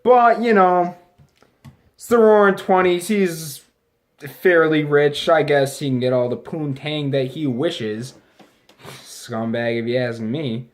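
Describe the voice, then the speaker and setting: A man's voice: on the high side, slow. A man getting drunker as he gives a casual, rambling film review, losing his thread, restarting sentences and swearing crudely. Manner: profane, crude slangy talk. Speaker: amateur movie reviewer.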